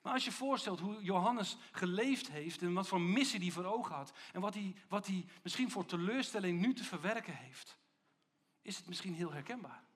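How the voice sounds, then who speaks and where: A man with a notably high voice preaches a sermon. He speaks with strong emphasis and keeps asking rhetorical questions of his listeners. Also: expressive, moderate pace, husky.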